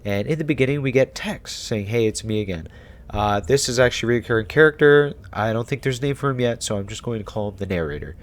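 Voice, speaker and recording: Fast and expressive, a medium-pitched man walks viewers through a horror series in a casual YouTube explainer. He keeps things irreverent and conversational as host.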